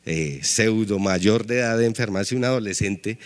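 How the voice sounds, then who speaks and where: A man's voice: lowish voice, moderate pace. A man telling a comic story on stage, chatty and talking straight to the audience. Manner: lively, chatty, addressing the audience.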